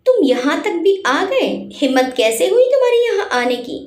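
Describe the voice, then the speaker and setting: Brief: woman narrator doing a furious possessive young man, shouting orders, high lively voice, echoey room. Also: moderate pace. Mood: angry. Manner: shouting, commanding.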